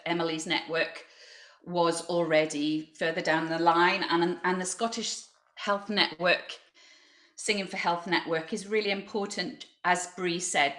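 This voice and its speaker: A woman giving unscripted remarks at an online conference, reflective and hesitant, pausing mid-phrase. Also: fairly low pitch, bright, forceful tone. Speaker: freelance singing practitioner, panel speaker. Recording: roomy, echoing online audio.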